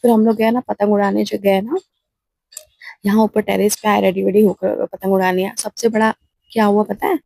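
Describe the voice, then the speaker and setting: A young woman telling a family story in a casual, animated vlog and acting out her relatives' lines. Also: mid-range voice, moderate pace, creaky, dry recording. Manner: animated, acts out family members' lines in quotes. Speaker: vlogger. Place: home rooftop terrace.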